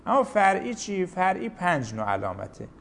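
A man's voice: high-pitched, big pitch swings, vocal fry, fairly bright tone. A man teaching a grammar lesson, explaining rules step by step with examples.

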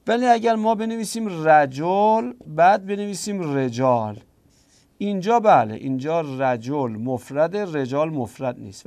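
A man's voice: fairly high pitch, creaky, a little mellow, dry recording. A man teaching a grammar lesson, explaining step by step and answering his own questions. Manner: explains step by step, slows on the quoted examples. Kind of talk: classroom grammar lecture.

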